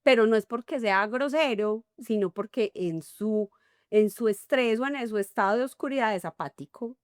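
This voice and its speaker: A woman's voice: a little high, normal speed, dry recording, studio quality. A middle-aged woman with a Colombian paisa accent, a coach talking expressively in an interview and acting out little dialogues. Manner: animated, acts out little dialogues. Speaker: guest, enneagram coach. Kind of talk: conversational interview.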